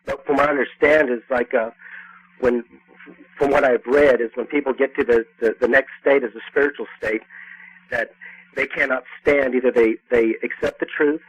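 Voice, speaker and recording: A man phoning in as a radio show caller, speaking haltingly and repetitively in an earnest, unscripted debate over the phone. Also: mid-range voice, steady tone, slightly rough. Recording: phone call on a talk show.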